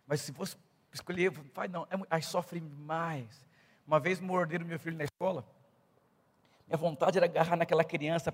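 Fervent high-voiced preacher in a hall. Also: male voice. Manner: builds from calm storytelling to loud fervent preaching. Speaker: pastor. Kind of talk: sermon. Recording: echoey hall reverb.

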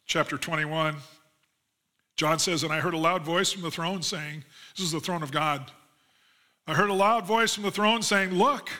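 A man's voice: high voice, bright, forceful tone. A man preaching a sermon as lead pastor, reading scripture passages aloud and then expanding on them earnestly, leaning on the key promises with rising emphasis.

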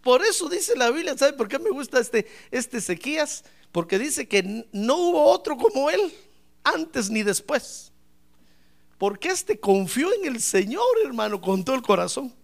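High, gravelly, fiery man preaching. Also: sing-song, unhurried. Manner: impassioned preaching, shouting at peaks, addresses listeners as brother. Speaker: pastor. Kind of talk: sermon. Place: church.

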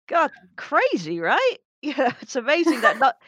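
A woman's voice: sits high, wildly swooping pitch, slow, fairly bright tone. A woman co-hosting a casual comedic podcast chat in a wry, sarcastic way. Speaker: podcast co-host.

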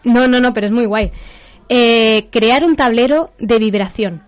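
A woman's voice: fairly high pitch, a little slow. A woman with a Castilian Spanish accent chatting casually as a segment host, enthusiastic and informal as she explains things step by step. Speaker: segment host presenting a book.

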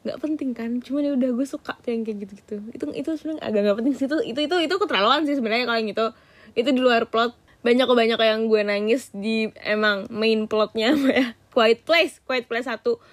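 A woman's voice: a little high, fast, dry recording. A woman hosting a solo podcast, chatting in a slangy, gushing way with lots of fillers. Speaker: podcast host. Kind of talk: casual solo podcast chat.

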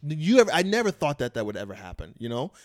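A man talking in a casual conversation, telling a personal story in a lively way, acting out what others said and swearing now and then. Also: on the high side, fast. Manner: animated storyteller, swears, acts out quotes. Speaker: comedian guest.

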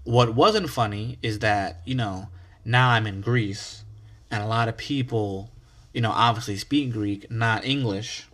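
In an unhurried, lowish voice, a young American man relates a story on the podcast he hosts. His monologue is casual and lively, full of profanity, with frequent sudden jumps to loud outbursts.

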